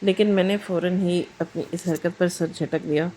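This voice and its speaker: Woman storyteller, first-person moral tale, even and reflective, low mellow voice, faint background noise. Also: low-quality recording.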